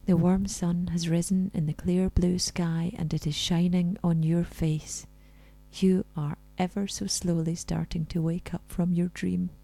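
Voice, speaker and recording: A woman narrates a guided relaxation in a soft, soothing voice close to a whisper. Her tone is very dark and gentle, with a breathy, creaky edge. The recording is dry and close. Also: fairly low pitch, flat delivery, a little slow, dry recording. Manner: soft, soothing spa-like delivery, breathy and near whisper at times. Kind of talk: scripted guided relaxation meditation.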